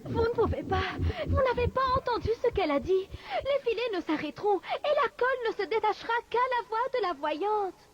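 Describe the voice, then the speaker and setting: Extremely high girl heroine. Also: animated, fairly quick, hardly any pauses, heavy background noise. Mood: gentle, downcast. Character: earnest, kind young girl heroine. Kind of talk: children's cartoon acting. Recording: dull lo-fi sound under music.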